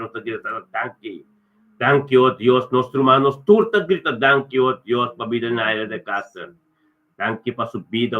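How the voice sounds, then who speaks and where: Man praying fervently over a phone line. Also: on the low side. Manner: repetitive, chanting refrains of praise. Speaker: pastor leading prayer. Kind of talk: fervent spoken prayer. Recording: tinny phone-line sound.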